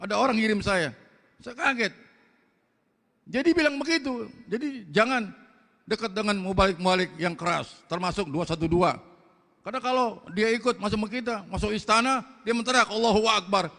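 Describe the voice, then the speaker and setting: A man with a Betawi Jakarta accent preaching a fiery sermon, loud, blunt and forceful, with slangy talk. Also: high-pitched, expressive, brisk, in a large hall.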